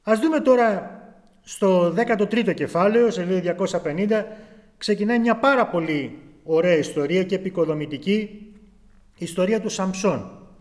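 A man with a high-pitched voice preaches a sermon. He reads scripture aloud, then explains each passage to his congregation, calling them brothers. His voice rings with the long reverb of a large hall. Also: darkish tone. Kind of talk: sermon with Bible reading.

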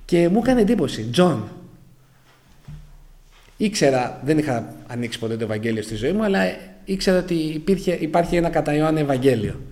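A man's voice: fairly high pitch, animated, darkish tone. Man giving an emotional church testimony. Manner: keeps addressing the listeners as brothers; fragmentary, emotional storytelling, voice sinking at phrase ends. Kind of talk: personal testimony to a congregation.

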